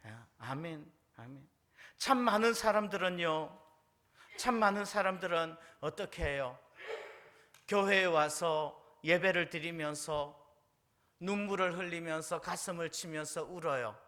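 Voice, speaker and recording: A man's voice: fairly high pitch, measured pace, sharp tone. A male pastor preaching a sermon in a church, asking the congregation questions and acting out prayers with rising force. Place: church sanctuary.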